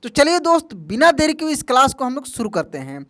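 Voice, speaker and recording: A man's voice: extremely high pitch, sing-song, brisk, fairly bright tone. A man teaching an English lesson who spells words out letter by letter, then asks his own quiz questions and answers them, calling listeners his friend. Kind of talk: spoken language lesson.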